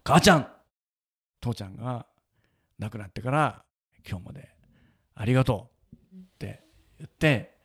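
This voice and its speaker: A man's voice: mid-range voice, lively intonation, measured pace, long pauses, slightly rough. A man hosting a casual radio chat, telling a moving story and often breaking into laughter. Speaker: radio show host and wedding photographer.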